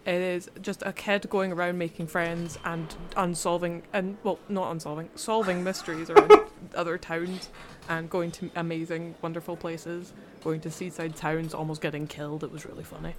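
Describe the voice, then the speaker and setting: A woman's voice: lowish voice, level tone, moderate pace, very noisy. A woman co-hosting a casual book chat podcast, enthusiastic and laughing often. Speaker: podcast co-host.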